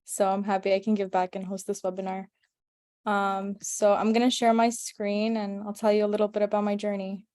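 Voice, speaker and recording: A young woman in her twenties, a medical student, giving a webinar presentation over a video call, polite and filling her pauses with "um". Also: mid-range voice, flat delivery, a little mellow, no echo, studio quality. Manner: polite, many "um" fillers.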